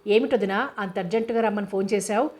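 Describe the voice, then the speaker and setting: A woman's voice: mid-range voice, fast, lightly acted. A woman voicing a stern, protective elder sister who scolds her younger brother, read in an audiobook. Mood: angry. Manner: scolding, exasperated. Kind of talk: audiobook character reading.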